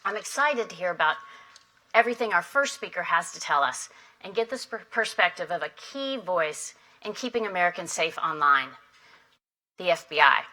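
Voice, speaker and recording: A woman opening an industry summit with a prepared, formal keynote speech, measured and emphatic. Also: fairly low pitch, lively intonation, pushed and bright, rough recording. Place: conference hall.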